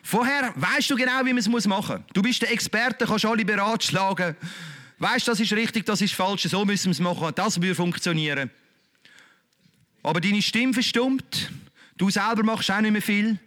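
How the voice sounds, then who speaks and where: A man's voice: sits high, normal speed, bright, forceful tone. A man with a Swiss German accent preaching a sermon in a colloquial, emphatic, repetitive way.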